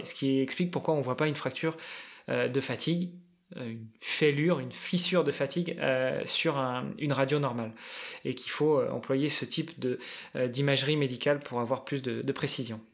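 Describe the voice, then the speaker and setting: A man's voice: medium pitch, fairly even intonation, moderate pace. A man in a casual podcast conversation, explaining things as he thinks aloud. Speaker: guest, endurance athlete preparing a challenge. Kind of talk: casual podcast interview talk.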